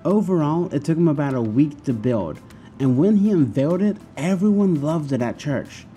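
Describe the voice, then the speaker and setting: A man's voice: on the high side, lively intonation, moderate pace, dark tone, soft background music. A young man in a costume head, telling a story in a chatty, upbeat way, his voice muffled through the mask. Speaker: furry vlogger. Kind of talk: casual storytelling vlog.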